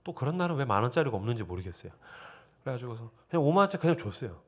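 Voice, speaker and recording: A middle-aged male pastor tells stories from the pulpit of a church. His pitch rises and falls a great deal as he acts out his own lines and his students' lines. He goes from bursts of excitement to hushed, mumbled asides. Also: rapid-fire. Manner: animated, quotes himself and students in lively dialogue; drops to a low murmur for quoted lines. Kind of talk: sermon storytelling at a teachers' seminar. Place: church sanctuary.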